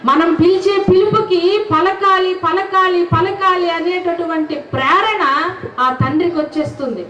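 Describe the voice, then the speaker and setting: A woman's voice: very high voice, moderate pace, pushed and bright, some chatter behind. A woman giving a devotional talk to a gathering. She talks earnestly and keeps putting questions to her listeners. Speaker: spiritual speaker. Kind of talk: devotional talk with sung verses. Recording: echoey, distant, dull hall recording.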